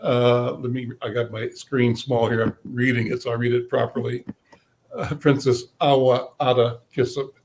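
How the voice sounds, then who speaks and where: A man's voice: mid-range voice, level tone, moderate pace, a little mellow. A man hosting a talk show, asking probing questions and repeating words as he goes. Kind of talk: interview questions.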